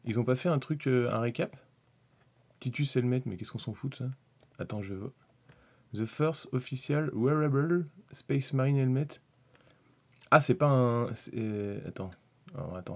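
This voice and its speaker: A man's voice: mid-range voice, animated, normal speed, creaky, a little mellow, husky. A man chatting casually through a live stream about hobby miniatures, thinking aloud, rambling, with many fillers and restarts. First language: French.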